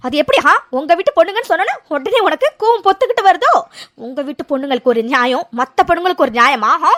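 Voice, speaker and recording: A fiery young woman student in a cartoon serial, voiced by a woman, scornful and fearless. Her voice sits very high and leaps all over as she tears into someone with sharp, indignant scolding. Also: lively intonation, very fast. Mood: furious scolding.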